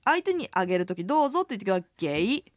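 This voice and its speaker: A woman co-hosting a radio language lesson, explaining words in a lively way. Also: medium pitch, racing, no echo, studio quality.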